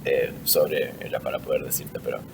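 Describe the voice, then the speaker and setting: A man's voice: extremely low pitch, flat delivery, normal speed, darkish tone. A young man from Argentina answering interview questions in a casual, hesitant way, with frequent fillers and restarts. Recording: distant mic with clear background noise.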